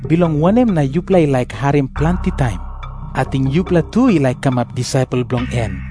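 A man's voice: medium pitch, expressive, brisk, close to an everyday voice. A man with a Papua New Guinean accent acting a stubborn, plain-spoken healed blind beggar in a scripture drama. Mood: insistent. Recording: prominent music behind the voice.

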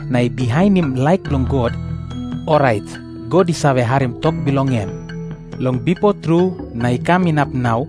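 A man's voice: mid-range voice, lightly acted. A man with a Papua New Guinean accent acting a stubborn, plain-spoken healed blind beggar in a scripture drama. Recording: prominent music behind the voice.

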